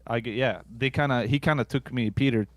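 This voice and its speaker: A Swedish man in his thirties, a musician guest, chatting casually in a relaxed, halting way with casual swearing. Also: medium pitch, no echo. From Sweden. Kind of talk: casual interview chat.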